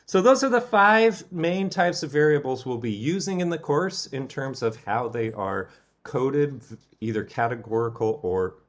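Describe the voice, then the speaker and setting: A man delivering a recorded statistics lecture in an ordinary mid-pitched voice. He walks through each idea step by step. He often stops on an um or checks in with a quick "right?". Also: expressive. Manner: explains step by step with many ums and rhetorical "right?". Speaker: statistics instructor.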